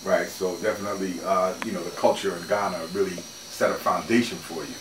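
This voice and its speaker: A man's voice: low voice, fairly even intonation, a little fast, echoey room, far from the mic, background noise. A man hosting a radio interview, prompting his guest in a friendly way with frequent fillers. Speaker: radio host. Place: radio studio.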